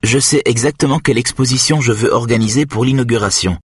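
A man's voice: mid-range voice, fast talker, slightly rough, no echo, studio quality, pitched above the performer's own voice, close to an everyday voice. A man voicing a cheerful, playful adult woman in an audiobook, speaking in a raised, amused tone. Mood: eager. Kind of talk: audiobook character voice.

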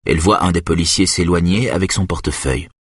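A man reading a thriller audiobook in a steady, measured narration. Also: deep voice, slightly rough, no room sound, studio quality.

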